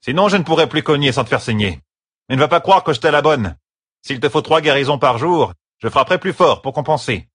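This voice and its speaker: A man's voice: a little high, expressive, fairly quick, fairly bright tone, breathy edge, no room sound, studio quality, pitched above the performer's own voice. A man voicing a stern woman disciplinarian who speaks in a grim, menacing way. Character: stern older woman disciplinarian, mistress of novices.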